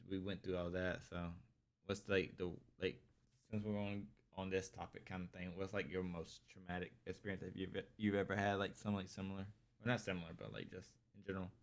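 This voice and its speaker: A man's voice: low-pitched, flat delivery, fairly quick. A man co-hosting a podcast in casual chat, rambling with lots of fillers and sounding tired. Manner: rambling, heavy use of filler "like". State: tired, yawning. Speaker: podcast co-host.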